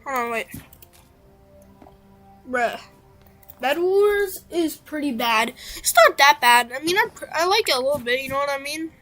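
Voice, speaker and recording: A woman live-streams a game through a built-in device mic rather than a headset, chatting casually and playfully and making silly "bop bop" noises as she plays. Her voice is high-pitched, expressive and a bit bright, at a moderate pace with long pauses, over soft background music.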